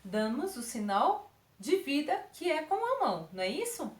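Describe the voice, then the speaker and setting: A woman's voice: high-pitched, very animated, normal speed, reverberant. A Brazilian woman teaching a recorded lesson to young children, using diminutives and checking in often with "ok?". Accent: Brazilian Portuguese. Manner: speaks to children with diminutives and frequent check-ins. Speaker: primary school teacher.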